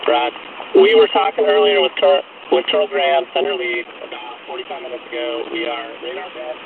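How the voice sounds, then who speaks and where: A man, a military pilot in flight, talking over a helmet radio in calm, clipped, procedural radio talk. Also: fairly high pitch, brisk, creaky. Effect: helmet radio transmission. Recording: tinny radio link with static hiss.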